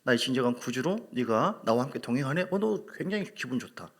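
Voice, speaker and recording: A man voicing God as a fatherly, stern figure speaking slowly to a believer in a sermon. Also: medium pitch, expressive.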